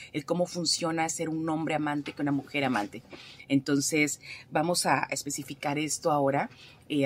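A woman's voice: sits low, a little hiss or hum. A woman giving advice as a therapist on a radio talk show, speaking in a frank, colloquial, conversational way. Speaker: therapist, regular radio contributor.

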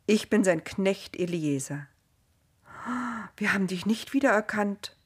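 A woman's voice: medium pitch, unhurried, breathy edge. A woman voicing an old male servant in a story, speaking eagerly and earnestly.

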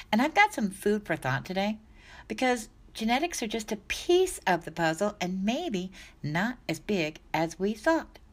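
Her voice is fairly low in pitch, with a fairly bright tone. She's a woman in her sixties chatting to camera about dog health in a rambling, self-correcting way, frequently starting sentences over.

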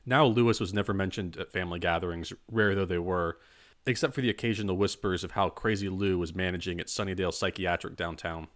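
Deep-voiced guy reading a crime thriller aloud, steady and measured. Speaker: audiobook narrator. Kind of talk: scripted narration.

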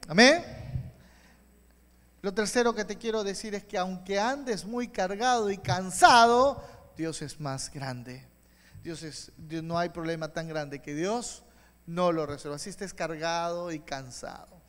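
A male pastor preaching a sermon with passion, dropping to quiet asides and rising to loud calls. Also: high voice, measured pace. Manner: impassioned preaching, swings from soft to loud. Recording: long hall reverb.

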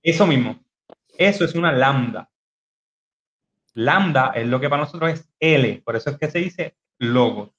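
A man's voice: mid-range voice, lively intonation, moderate pace, long pauses, a bit bright, muffled recording. A man hosting a casual podcast, teaching about biblical Greek with many fillers and restarts over a video call. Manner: hesitant, many fillers and restarts, laughs easily.

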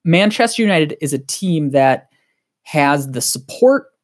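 A man with a Wisconsin accent, a guest on a casual podcast, talking in an excited, heated, rambling way. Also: on the high side, a little slow.

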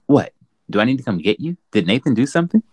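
A man's voice: medium pitch, sing-song, quick pace, dark tone, breathy edge, no room sound. An actor playing a teasing, loyal young male friend in an audio drama, laughing easily. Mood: concerned.

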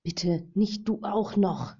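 A woman's voice: extremely low pitch, slow, gravelly, dark tone, slightly rough, heavily acted. A woman reading the lines of a desperate man who urgently pleads with a captive not to die. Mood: pleading. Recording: dull lo-fi recording.

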